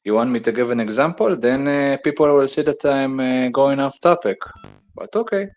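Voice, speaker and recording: A man calling in to a casual discussion, talking haltingly with many fillers. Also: mid-range voice, darkish tone. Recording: dull lo-fi line.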